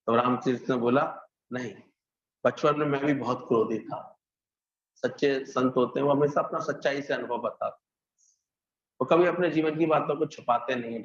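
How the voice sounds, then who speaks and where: A man gives a satsang talk in an easygoing preaching manner, firing rhetorical questions at his listeners and dropping to a hush or rising to a shout to act out scenes. His mid-pitched voice rings around an echoey room, and the recording sounds muffled and lo-fi. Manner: conversational preaching, rhetorical questions, mimics loud and hushed speech. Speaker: spiritual teacher. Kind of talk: Hindi satsang discourse. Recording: echoey, dull lo-fi hall recording.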